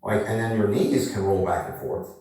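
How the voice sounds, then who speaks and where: A man demonstrating energy exercises to the camera, talking in a lively, coaxing way and asking rhetorical questions. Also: on the low side, normal speed. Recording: very echoey room, voice from a distance.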